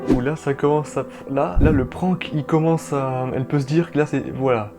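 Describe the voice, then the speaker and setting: A young man co-hosting a horror video, reacting excitedly in slang and reading a legend aloud. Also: medium pitch, normal speed. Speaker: co-host. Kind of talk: casual chat and storytelling. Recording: music playing behind.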